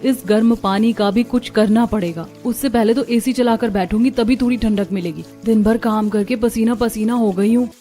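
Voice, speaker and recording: A woman's voice: on the high side, moderate pace, hardly any pauses, mellow, soft background music, lightly acted. A woman voicing a carefree young daughter-in-law in a cartoon, breezy and sometimes pleading. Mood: relaxed. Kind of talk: cartoon voice acting.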